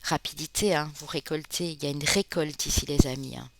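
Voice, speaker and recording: Recorded dry, a mid-range voice with fairly even intonation delivers a casual tarot reading. The speaker, a card reader from Spain's Basque Country, chats away, fills pauses with "hein," and calls her viewers friends.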